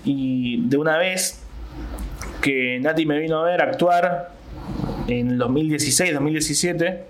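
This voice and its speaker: A man's voice: fairly high pitch, unhurried, a little hiss or hum. A young man with an Argentine accent, talking in a casual monologue and acting out voices in his stories. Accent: Argentine Spanish. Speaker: comedian and podcast host.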